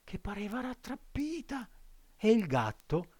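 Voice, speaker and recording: A man narrating a classic storybook aloud, slow and expressive. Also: sits high, no room sound. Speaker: audiobook reader.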